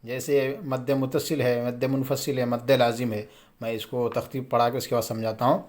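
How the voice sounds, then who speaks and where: A man teaching Quran reading in a casual, patient way. He asks questions and answers them himself, and he draws out the example words slowly. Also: mid-range voice, level tone, darkish tone. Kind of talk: casual spoken lesson.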